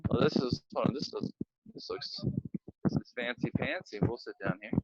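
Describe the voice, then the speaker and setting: A tour guide with a mid-range voice and wildly swooping pitch leads a live virtual walking tour along a city street and past a cafe, talking into his phone at a moderate pace. He's chatty and rambling and keeps interrupting himself, and the video-call audio is dull and lo-fi with slight background noise.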